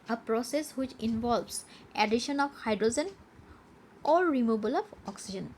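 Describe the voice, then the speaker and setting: A woman science teacher explains a slide lesson, asking herself questions and answering them, and reads English definitions out slowly. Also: a little high, a little mellow, a little hiss or hum. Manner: switches between Hindi and English, reading English definitions slowly.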